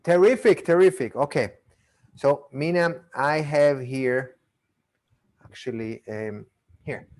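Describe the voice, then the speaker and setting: This magician and mentalist speaks at a slow pace in a mid-range, somewhat dark voice, pausing often. His accent blends Argentina and Israel, and he hosts a mentalism act online via video call, bantering playfully with volunteers while stammering through restarts in his live show patter.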